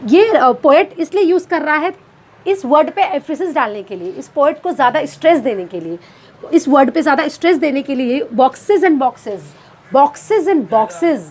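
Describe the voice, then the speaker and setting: High-voiced woman teaching a grammar lesson. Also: expressive. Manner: explains step by step, asks and answers her own questions; reads English examples slowly and deliberately. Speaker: English teacher.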